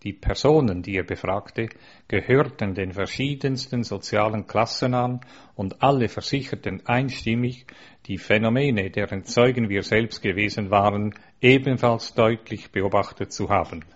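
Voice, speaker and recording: Male narrator, lowish voice, earnest measured reading of a devotional text, dull lo-fi recording. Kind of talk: reading a religious account aloud.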